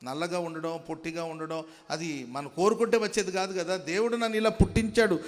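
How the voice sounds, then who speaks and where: A male pastor from India preaching a sermon, moving between calm storytelling and loud, rising exhortation. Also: high voice, fairly quick. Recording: long hall reverb.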